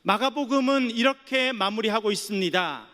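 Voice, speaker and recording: A man's voice: high voice, animated, normal speed, pushed and bright. A male pastor from a Korean island preaching a sermon, telling stories with playful jokes for the audience. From Geoje island, South Korea. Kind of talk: sermon with humorous storytelling. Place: seminary chapel. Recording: long chapel reverb.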